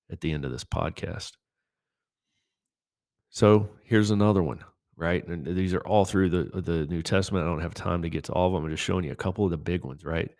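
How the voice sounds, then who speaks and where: Deep-voiced man preaching on a podcast. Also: darkish tone, no room sound, studio quality. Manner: emphatic, quoting scripture in a slow measured voice. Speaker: podcast host teaching on scripture. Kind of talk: preaching-style podcast talk.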